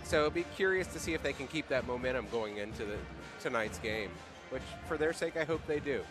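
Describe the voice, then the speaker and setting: A man's voice: mid-range voice, lively intonation, brisk, over music. An American man giving conversational pre-game commentary as a sports co-commentator.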